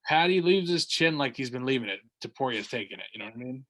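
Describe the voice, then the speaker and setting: A man's voice: mid-range voice, animated, fast, fairly bright tone. A man co-hosting a fight podcast in casual chat, rambling with fillers and restarts. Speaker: podcast co-host.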